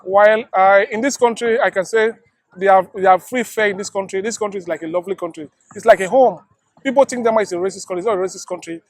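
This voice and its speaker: High-voiced, rapid-fire Nigerian man. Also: no echo. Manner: emphatic, repeats phrases. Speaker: interviewee, delivery worker. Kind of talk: casual street interview.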